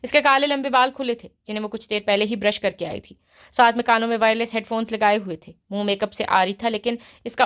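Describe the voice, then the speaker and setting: A woman reading a romance novel aloud with a steady storytelling delivery. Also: on the high side. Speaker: novel reader.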